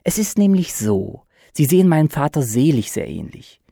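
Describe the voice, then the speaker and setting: A cheerful, overpolite stranger of about forty-five gushes at a much higher pitch than the teller's own voice, as a man puts him on in a storybook reading. He sounds eager and chatty, with a dark, mellow tone, recorded dry and close. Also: big pitch swings, normal speed, vocal fry, husky, no echo, exaggerated voice. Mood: politely eager. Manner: eager, polite and gushing. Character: shy, chatty, cheerful stranger in his mid-forties.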